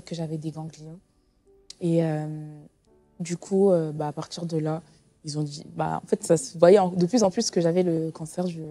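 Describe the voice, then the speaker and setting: Woman, twenties, hesitant testimony, very dark tone, dry close sound. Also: deep voice, no echo. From Portugal. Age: 20s. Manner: hesitant, many fillers and restarts. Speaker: guest sharing testimony. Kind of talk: casual testimony interview.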